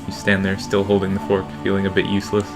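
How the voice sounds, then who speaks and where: A narrator reading a visual novel game aloud in a deadpan way. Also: low voice, quick pace, music in the background. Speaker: narrator in a let's play.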